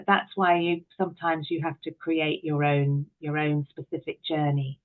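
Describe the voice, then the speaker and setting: This middle-aged British actress, director and writer talks with a low-pitched voice that barely moves in pitch, at a moderate pace. Appearing as a podcast guest, she is candid and self-deprecating, sharing reflective anecdotes about her life in a conversational interview. The call audio sounds thin and phone-like.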